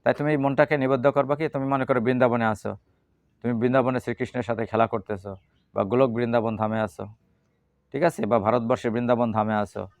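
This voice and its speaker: A man's voice: mid-range voice, level tone, no room sound. A man teaching a class on the Gita, asking his listeners questions and answering them himself. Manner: leads slow chanting. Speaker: religious teacher.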